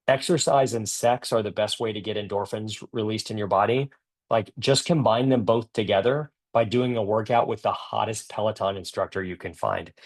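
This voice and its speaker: Gravelly joking man giving a talk. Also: lowish voice. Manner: energetic, joking, emphatic. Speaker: dentist and speaker. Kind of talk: humorous motivational talk.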